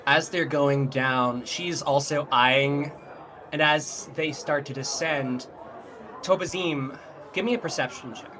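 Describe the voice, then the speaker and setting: Gm narrating a tabletop game, bright tone, takes it slow, faint music under. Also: mid-range voice. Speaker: game master.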